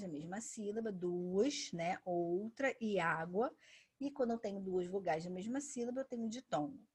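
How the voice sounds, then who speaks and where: Breathy lady teacher going over grammar slow and patient, repeats each example word. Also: mid-range voice. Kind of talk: classroom grammar lesson.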